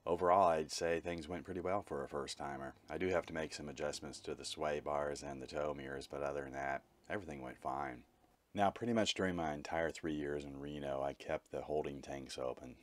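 A man's voice: a bass voice, fairly even intonation, brisk. A man narrating his own travel vlog as a voice-over, telling his story in a candid, matter-of-fact way. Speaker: vlogger.

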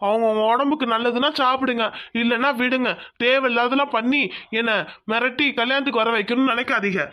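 A woman voicing a proud, stern village farmer father in a cartoon, demanding and slow to give in. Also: on the high side, fairly even intonation, fairly bright tone, close to an everyday voice. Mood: defiant. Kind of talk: cartoon voice acting.

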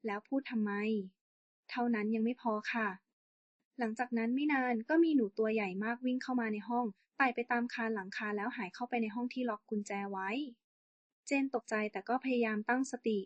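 A woman's voice: on the high side, no echo, highs cut off. A young adult woman hosting a storytelling channel, narrating a ghost story in a chatty, polite, dramatic way.

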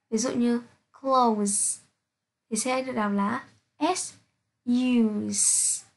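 Woman teacher going over pronunciation rules really slowly, reads each example word out clearly. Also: a little high. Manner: slow, careful, spelling out sounds one by one. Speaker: English teacher. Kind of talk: pronunciation lesson for students.

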